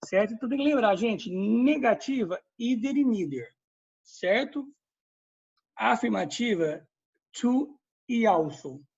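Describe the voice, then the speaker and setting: A male English teacher whose first language is Portuguese reviews a lesson in a recorded class, explaining things step by step and checking in with students by name. His voice is high-pitched, animated, creaky and a little mellow, with a breathy edge, and he takes it slowly. The recording has a lo-fi sound.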